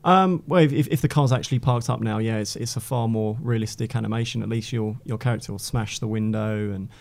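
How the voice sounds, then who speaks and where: A man's voice: fairly low pitch, fairly quick, gravelly. A man, a games journalist guest, chatting eagerly in a studio and restarting his phrases often. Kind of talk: casual studio chat. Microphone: studio microphone.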